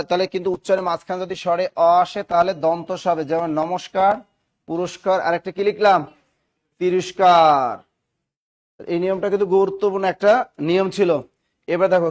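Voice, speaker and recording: Man, Bangladeshi accent, high-pitched, dictating spelling rules, repetitive drilling teacher. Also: a little mellow. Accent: Bangladeshi Bengali. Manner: repetitive, drilling, asks and answers his own questions; clears throat often.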